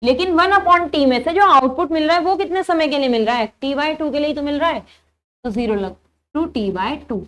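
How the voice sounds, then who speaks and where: Young female lecturer, high-pitched, patient step-by-step explainer who poses and answers her own questions. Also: fairly quick, fairly bright tone. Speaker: teacher. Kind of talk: engineering lecture.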